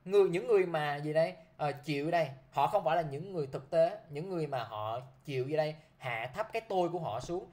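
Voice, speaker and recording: A man's voice: a little high, animated, quick pace, hardly any pauses, darkish tone. A man teaching English vocabulary to a class, who keeps checking with his students by repeating a short prompt.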